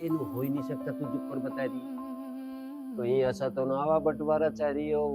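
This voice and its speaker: An actor playing an older village uncle with a Haryanvi accent, coaxing and questioning. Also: male voice, mid-range voice, little pitch movement, normal speed, over loud music, close to an everyday voice. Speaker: maternal uncle.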